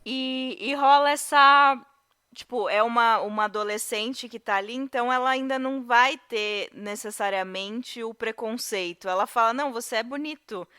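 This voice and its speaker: A woman's voice: on the high side, fairly even intonation, moderate pace, pushed and bright, smooth. A Brazilian woman, a podcast guest, casually discussing a film with hesitant fillers and restarts. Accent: Brazilian Portuguese.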